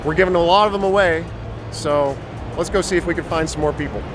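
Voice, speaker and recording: Male vlog host, slightly high voice, casual interview chat at a convention hall booth with music playing behind. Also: quick pace. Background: music and expo hall bustle.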